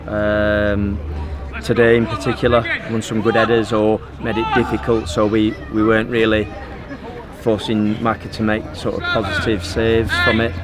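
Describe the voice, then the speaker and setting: With spectators making noise in the background, a middle-aged man who manages a football side speaks on an outdoor pitch after the game. He answers evenly and deliberately, his speech dotted with fillers, into the interviewer's handheld phone.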